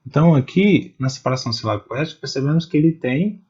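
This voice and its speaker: A man teaching poetry, explaining slowly and patiently and spelling out syllables one at a time. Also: on the high side, animated, darkish tone, slightly rough, highs cut off. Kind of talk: explaining step by step.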